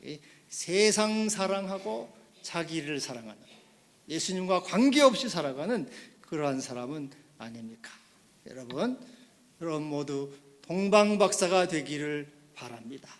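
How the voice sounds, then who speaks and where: Casting: male pastor, high voice, lively sermon delivery, church reverb. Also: unhurried. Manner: animated preaching, acting out quoted voices. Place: church sanctuary.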